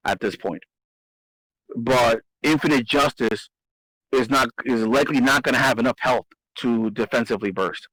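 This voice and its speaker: A man's voice: mid-range voice, a bit bright, no room sound, poor audio. Man explaining game strategy at length. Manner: explanatory, repeats himself, emphatic. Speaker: host. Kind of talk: casual gaming strategy discussion.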